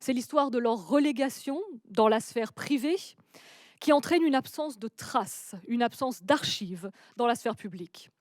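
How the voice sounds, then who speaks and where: A woman with a high voice reads a lecture narration slowly and with measured emphasis. The sound is close and dry. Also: darkish tone, no room sound.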